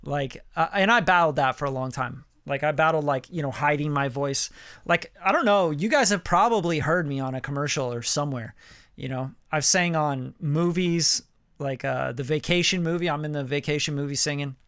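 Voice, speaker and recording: A man in his late thirties giving a casual live song critique as a music producer, animated and profane, full of "like" and "you know.". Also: on the high side, moderate pace, clean tone, dry recording, clean studio sound. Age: late 30s. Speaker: music producer reviewing listener songs.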